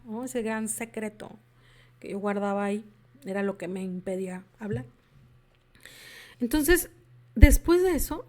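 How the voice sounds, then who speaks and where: Confessional woman, fairly high voice. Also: mellow. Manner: confessional, acts out remembered dialogue. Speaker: workshop speaker sharing her story. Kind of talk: personal testimony to an audience.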